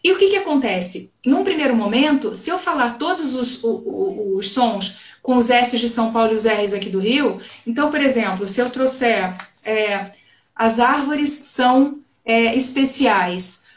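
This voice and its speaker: A woman's voice: a little high, moderate pace, few pauses, echoey room. A woman speech therapist with a Rio de Janeiro accent, explaining voice technique in a conversational interview and demonstrating examples. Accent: Rio de Janeiro Portuguese.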